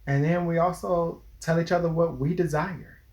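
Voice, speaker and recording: A man's voice: on the high side, steady tone, moderate pace, a little mellow. A young man, a therapist, earnestly giving relationship advice in casual chat, sometimes restarting his sentences. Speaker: therapist co-host.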